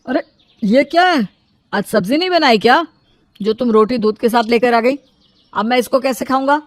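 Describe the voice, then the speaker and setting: A woman voicing an indignant, lonely widowed man in an animated storybook, complaining about being neglected. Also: fairly high pitch, normal speed, slight background noise, natural voice. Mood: weary. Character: aggrieved lonely widowed elder brother-in-law, man.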